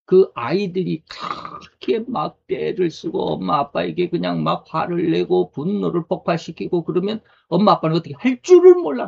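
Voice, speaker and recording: A man's voice: on the high side, creaky, warm tone, husky. A male pastor preaching a sermon in a conversational way, asking rhetorical questions. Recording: dull lo-fi recording.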